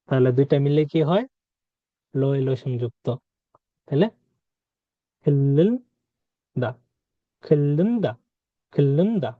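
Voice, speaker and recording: A man teaches a language lesson, saying each word slowly and repeating it for practice. His voice sits a little high for a man. The recording is dry, with no room sound, and slightly dull. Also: no echo. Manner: repeats words slowly, drilling pronunciation. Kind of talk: spoken lesson.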